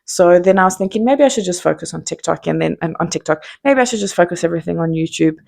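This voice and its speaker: Quick and lively, her fairly low voice carries vocal fry and a slight mellowness. She's a South African woman in her thirties, vlogging an unscripted, candid reflection to camera, peppered with ums and restarts.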